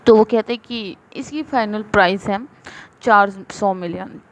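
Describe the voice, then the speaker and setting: A woman casually retelling a romance story in a soft, low-key way, with many fillers. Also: unhurried, poor audio.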